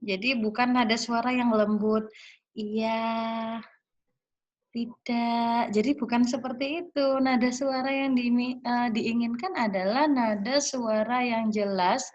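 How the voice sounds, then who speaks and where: A woman's voice: on the high side, steady tone, normal speed, few pauses, highs cut off. A woman lecturer talking her students through slides in a chatty way, with many fillers and tag questions.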